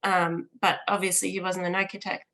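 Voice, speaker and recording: A woman's voice: fairly low pitch, level tone, a little fast, sharp tone, rough recording. A woman in her thirties from Austria, speaking as an architect in a conversational interview. She tells her story with animation and leans on "like" and "um". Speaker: architect, studio co-founder.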